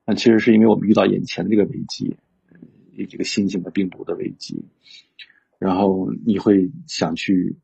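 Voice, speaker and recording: In a casual, reflective conversation about books, a man keeps restarting and leaning on filler words. His voice is husky, mellow, gravelly and fairly low, captured on a dull lo-fi recording.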